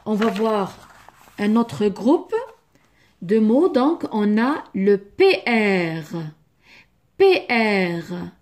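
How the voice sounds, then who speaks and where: A woman teaching French pronunciation, repeating each syllable slowly and clearly in a drilled lesson. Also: medium pitch, very animated, darkish tone.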